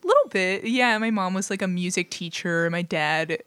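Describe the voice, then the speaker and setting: A woman violinist guest, answering in a relaxed, thoughtful way. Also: fairly low pitch, moderate pace, clean tone, no room sound, studio quality.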